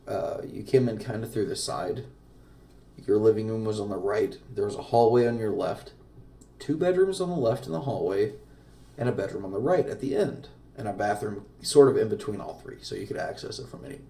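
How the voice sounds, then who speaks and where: A man casually telling a long personal story, swearing often and rambling in a low-key way. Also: very animated, brisk, creaky, warm tone. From Arkansas. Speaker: podcast host telling a story. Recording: echoey room, far from mic.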